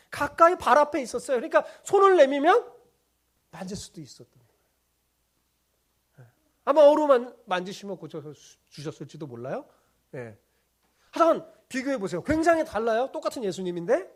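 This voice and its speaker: Man, pastor, sermon, high voice, animated delivery, rhetorical questions, checks in with listeners. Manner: asks the congregation questions and answers them; keeps checking in with a tag question.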